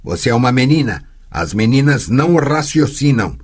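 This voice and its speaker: A man voicing a gruff, mocking male swordsman who trains a girl, speaking bluntly in an audiobook. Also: medium pitch, very animated, normal speed. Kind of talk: audiobook character voice.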